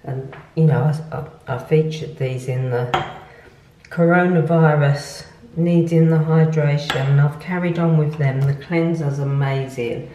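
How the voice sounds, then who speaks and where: A woman's voice: low voice, fairly even intonation, a little slow, mellow, slight background noise. An older woman vlogger giving a rambling, chatty tour of her small home bathroom, filmed on a handheld phone. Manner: chatty, rambling with fillers and restarts. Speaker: lifestyle vlogger. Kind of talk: casual home tour chat. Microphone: phone camera held by speaker. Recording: echoey tiled room.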